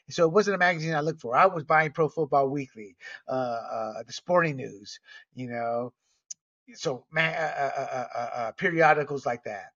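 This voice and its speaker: A man's voice: on the high side, pushed and bright. Blunt ranting man, far from the mic. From Panama. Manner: blunt, ranting, swears, many filler ums. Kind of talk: opinionated casual monologue. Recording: dull lo-fi audio, distant from mic.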